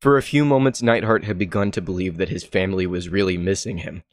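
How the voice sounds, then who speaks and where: A guest in a casual chat, animated and exclaiming at characters. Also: low voice, fast talker, no echo, studio quality.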